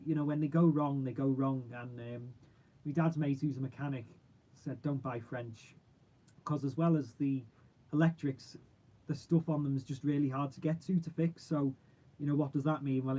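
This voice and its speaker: A car channel host with a mellow, mid-range male voice chats casually while running a livestream, answering viewers and rambling in a matey, informal way. The recording is rough.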